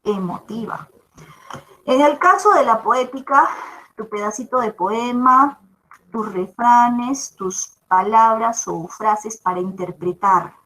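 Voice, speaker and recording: High-voiced woman teaching. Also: slow, sharp tone, rough recording. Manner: explains with examples, often checks with "¿no?" and "¿ya?". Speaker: language teacher. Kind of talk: virtual class lecture.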